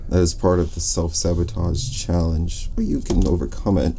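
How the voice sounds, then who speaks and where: A man giving a reflective tarot reading, musing and drifting, often pausing mid-thought. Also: low voice, steady tone, noisy background. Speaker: tarot reader.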